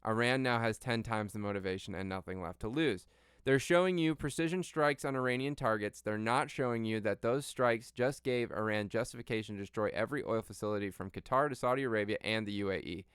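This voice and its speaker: A man's voice: fairly low pitch, brisk, a bit bright, clear, resonant tone, no room sound, studio quality. A man hosting a casual news livestream, blunt, sweary and emphatic, with slightly tongue-tied speech as if his mouth were numb from the dentist. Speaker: livestream host. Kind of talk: casual news commentary to viewers.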